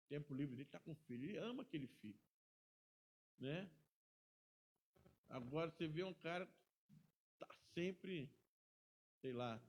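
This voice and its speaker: Speaking in a fairly high voice, a middle-aged man leads a Bible school class as its pastor. His style is conversational, and he often caps sentences with a brief tag question.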